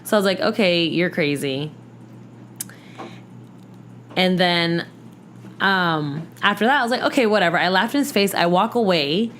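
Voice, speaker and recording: A woman telling a casual dating story on a podcast, animated, acting out quotes and saying "like" a lot. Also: lowish voice, normal speed, a little hiss or hum. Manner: animated, acts out quotes, lots of "like". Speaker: podcast guest. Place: podcast studio.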